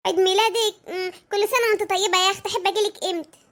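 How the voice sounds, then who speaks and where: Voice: extremely high pitch, steady tone, rapid-fire, a bit bright. مؤدٍّ يقلد امرأة مصرية ماكرة حسودة. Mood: sly. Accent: Egyptian. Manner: sly and envious. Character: jealous, scheming Egyptian makeup lady.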